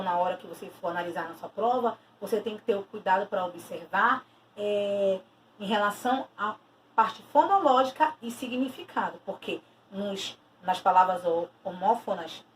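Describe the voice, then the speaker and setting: Woman teacher, distant mic. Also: medium pitch. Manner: explanatory, repeats key terms with stressed emphasis. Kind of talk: recorded video lesson. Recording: distant mic with faint noise.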